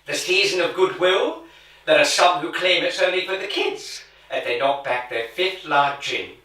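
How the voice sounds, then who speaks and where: A man's voice: fairly high pitch, moderate pace, sharp tone. A man playing a wry English comic presenter with a dry, knowing delivery, recorded in a roomy space away from the mic. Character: wry middle-aged male comic presenter, cheeky. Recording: roomy echo, distant mic.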